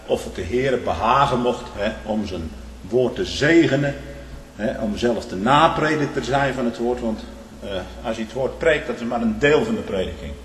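A man preaching a sermon in a church, tagging his phrases with "hè" and swinging from loud emphasis to hushed tones. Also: medium pitch, normal speed, slight background noise. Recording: echoey hall with long reverb.

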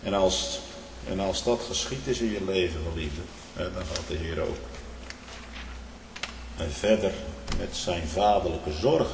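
A man's voice: low voice, a little slow, vocal fry, long pauses. Man, preacher, fervent sermon, emphatic rhetorical asides, reverberant hall, faint background noise. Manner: emphatic, with rhetorical "hm?" and "hè?" asides, swinging between hushed and loud.

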